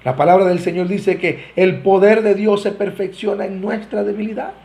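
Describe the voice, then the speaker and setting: High-voiced Costa Rican pastor preaching. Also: male voice, steady tone, moderate pace, creaky, darkish tone. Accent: Costa Rican Spanish. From Costa Rica. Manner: earnest preaching, rising and falling emphasis, direct address to the congregation. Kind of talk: sermon.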